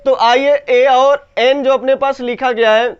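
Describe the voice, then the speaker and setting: A male teacher leading a grammar class. He repeats each point as a question to the students and slowly stretches the key words to stress them. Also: very high voice, fairly even intonation. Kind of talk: classroom lesson with call-and-response. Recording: slightly dull lo-fi sound.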